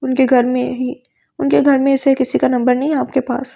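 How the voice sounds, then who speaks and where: A woman's voice: high voice, flat delivery, gravelly, dark tone. A woman voicing an anguished young male teacher who prays desperately for help. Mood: shaken. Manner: pleading, desperate. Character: anguished young man, a teacher, praying in fear.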